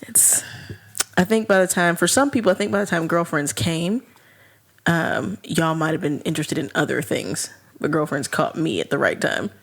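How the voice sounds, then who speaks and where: A woman co-hosting a podcast, chatting in a casual, animated way and saying "like" a lot. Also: low voice, moderate pace. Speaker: podcast co-host. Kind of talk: casual chat.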